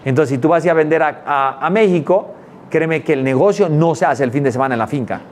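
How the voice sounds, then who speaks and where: Man, course instructor, fairly high voice, emphatic, repeats words, frequent check-in tag questions, faint background hiss. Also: brisk, darkish tone. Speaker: business culture instructor. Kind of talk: explanatory talk to students.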